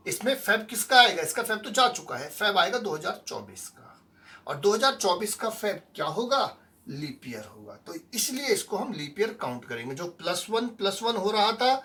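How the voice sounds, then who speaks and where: A man's voice: high-pitched, a bit bright. A man teaching a lesson, explaining step by step and often asking the class whether they follow, mixing in English words. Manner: mixes English words and phrases into his explanations. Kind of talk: online lesson explaining calendar tricks. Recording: voice sounding distant from the mic.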